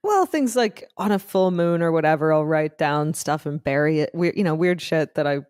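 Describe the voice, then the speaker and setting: A woman's voice: deep voice, lively intonation, moderate pace, a little mellow, clear, resonant tone, no echo, clean studio sound. A woman co-hosting a podcast, chatting in a playful, chatty way. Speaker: podcast host. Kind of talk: casual chat.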